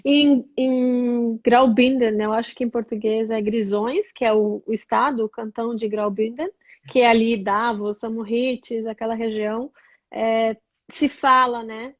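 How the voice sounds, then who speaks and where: A woman's voice: fairly high pitch, steady tone, unhurried, no echo, dull audio. A woman from southern Brazil, a blogger and tour guide, chatting as an interview guest and explaining things with many tag questions. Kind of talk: casual interview over a call.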